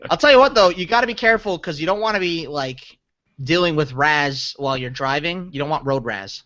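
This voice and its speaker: A young man riffs and laughs his way through a long story on a casual podcast. His voice is bright and sits a little high. The audio is dull and lo-fi. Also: lively intonation, fairly quick. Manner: rambling, laughing, jokey storytelling. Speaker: podcast co-host.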